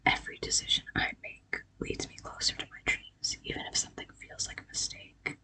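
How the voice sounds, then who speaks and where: A person giving a whispered ASMR pep talk of affirmations and scripture, breathy, casual and halting, with gentle reassurance. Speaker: ASMR creator.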